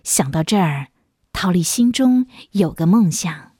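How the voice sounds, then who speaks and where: Expressive woman storyteller, husky tone. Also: fairly low pitch, unhurried, no echo, clean studio sound. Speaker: narrator. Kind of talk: storybook narration.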